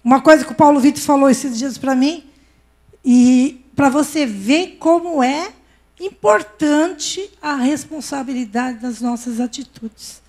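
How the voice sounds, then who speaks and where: A middle-aged woman with a Brazilian Portuguese accent preaches to a women's service. Her voice sits high, and she talks in an easy, conversational way, telling stories from her own home. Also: unhurried, darkish tone. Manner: conversational, tells personal stories. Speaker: pastor's wife preaching. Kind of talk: sermon at a women's church service.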